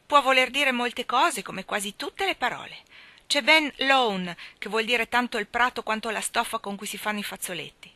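A woman's voice: fairly high pitch, moderate pace, pushed and bright, no room sound, voice pushed up. A woman reading aloud and voicing a boastful, know-it-all young brother who teases his sister. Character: cocky schoolboy brother, boastful and teasing.

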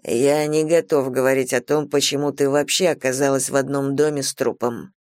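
A woman voicing an arrogant male god in an audiobook, speaking slowly and low with a mocking, teasing edge. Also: fairly even intonation, a little mellow, no room sound, clean studio sound. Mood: stern. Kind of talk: audiobook character voice.

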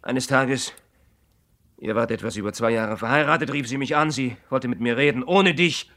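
A defensive, earnest best friend, radio play, ordinary pitch. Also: male voice, normal speed, pushed and bright. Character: guilty best friend and secret lover, earnest. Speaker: actor in radio drama.

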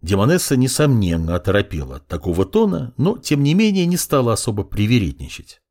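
A man narrating a first-person fantasy audiobook in an ironic, expressive way. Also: mid-range voice, a little fast.

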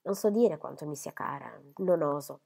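A woman voicing a pale, ailing young man who speaks quietly and slowly as he confides. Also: low-pitched, animated, vocal fry, breathy edge, full character voice. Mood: confiding. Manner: quiet, slow, subdued.

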